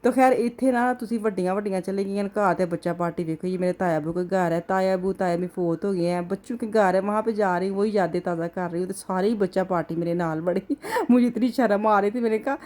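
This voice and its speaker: A woman's voice: medium pitch, quick pace, darkish tone. A middle-aged woman from Pakistan with a Punjabi accent, chatting casually and rambling through a vlog. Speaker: vlogger.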